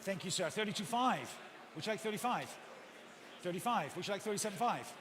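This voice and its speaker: In a large auction hall full of bidders, a man working as auctioneer calls live bids in repetitive, insistent number runs, addressing bidders politely. His voice is high-pitched with lively intonation and a fairly quick pace, heard over an echoey hall PA with background noise.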